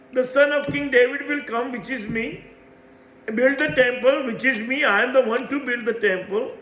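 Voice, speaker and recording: A man in his sixties preaching a rambling religious monologue in a high voice. He talks slowly and insistently, repeating phrases over and over for emphasis. The sound is echoey, as if he were in a bare room. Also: a little hiss or hum. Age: 60s. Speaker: self-proclaimed messiah preaching.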